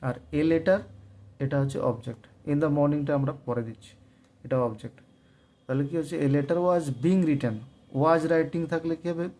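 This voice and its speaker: A man with a Bengali accent teaching English grammar, asking and answering his own questions and slowly dictating example sentences. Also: fairly high pitch, darkish tone. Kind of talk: grammar lesson explaining answers.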